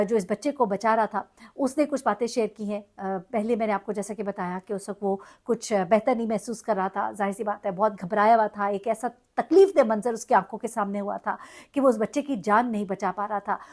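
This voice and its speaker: A woman's voice: mid-range voice, darkish tone. A woman, reporting and commenting on a tragic local incident in an earnest, grieving way with many hesitations. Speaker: news vlogger. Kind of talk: emotional news commentary.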